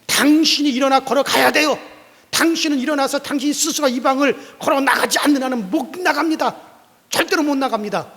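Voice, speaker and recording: A male preacher voicing a stubborn, fervent pastor who prays and commands loudly, repeating his pleas. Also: extremely high pitch, a little fast, voice pushed up. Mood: commanding. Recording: long church reverb.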